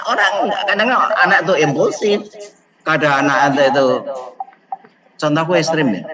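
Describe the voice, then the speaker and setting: A man giving a casual online lecture, animated and acting out what parents say, slipping in phrases. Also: a little high, muffled recording. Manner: animated, mixes Javanese phrases, acts out parents. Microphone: video call.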